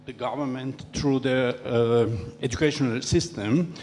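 An older man asking a question from the audience into a handheld mic, speaking haltingly with pauses. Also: medium pitch, darkish tone, soft background music. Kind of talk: public Q&A question. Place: large dark hall, standing. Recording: hall reverb with a faint hum.

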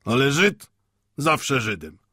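Brief: a man doing a smug, offhand watchmaker in a storybook reading, husky tone. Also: mid-range voice, sing-song, slow pace, bright, forceful tone, no echo, clean studio sound, pitched above the performer's own voice, exaggerated voice. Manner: offhand and smug, laughing off objections. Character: fat, complacent male watchmaker, smug.

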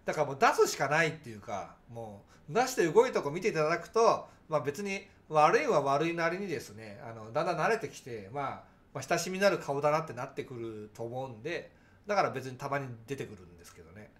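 A man's voice: a little high, expressive, fast, a bit bright. Nasal-voiced man chatting on a livestream. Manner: projects his voice to carry, chatty with frequent fillers. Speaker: livestream host. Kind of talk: casual chat reading viewer comments.

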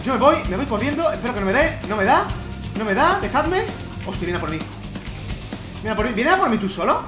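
A man from Spain giving excitable let's play commentary, shouting and swearing at the game. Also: very high voice, brisk, reverberant, over music. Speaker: gamer.

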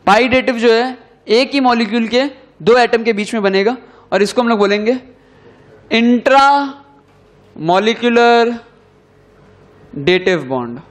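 A young man teaching chemistry in a classroom lecture. He dictates slowly, repeats phrases for students to write down, and drops his pitch at the end of key terms. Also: steady tone.

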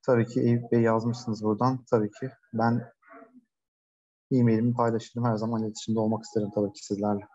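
A man presents a webinar over a video call, speaking in a flat, even tone with a mellow, dark timbre. He talks conversationally and pauses often with fillers. The audio is dull and lo-fi. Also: lowish voice. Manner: conversational, many hesitations and fillers. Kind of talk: casual online lecture. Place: shared coworking space.

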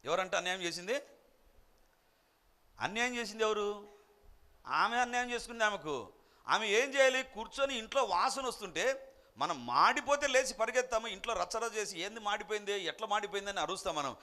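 A man's voice: sits high, lively intonation, moderate pace, pauses often, sharp tone. A male pastor preaching a sermon, telling stories with animation and building to emphatic exhortation.

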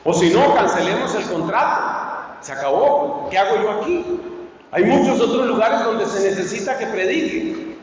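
Priest guy giving a sermon, fervent, high voice, big echoey hall, kinda dull muffled audio. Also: expressive, moderate pace, slight background noise. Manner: impassioned, swings from soft to shouting. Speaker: priest preaching. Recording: echoey hall, distant mic, dull sound.

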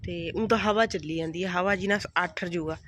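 A woman's voice: fairly low pitch, a little fast, a bit bright. A middle-aged woman with a rural Malwai Punjabi accent, chatting casually and homely to viewers in a daily village vlog. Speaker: family vlogger. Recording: faint background noise, home vlog recording.

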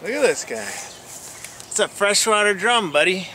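A man in his forties, fishing from an outdoor riverbank, chatting excitedly to the camera and to the fish he catches. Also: sits high, a little slow. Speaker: fishing vlogger. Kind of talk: casual narration while fishing. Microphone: chest-mounted action camera.

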